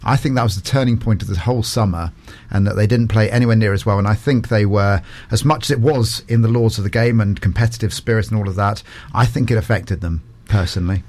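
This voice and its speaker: A man hosting a radio interview, chatty and moving things along with quick questions. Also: fairly low pitch, darkish tone. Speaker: radio presenter. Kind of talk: conversational interview.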